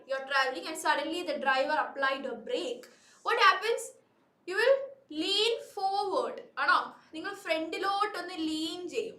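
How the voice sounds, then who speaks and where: A woman's voice: very high-pitched, bright, forceful tone, recorded from a distance. A woman teacher, running a live online class and coaxing students with repeated prompts. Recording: echoey room.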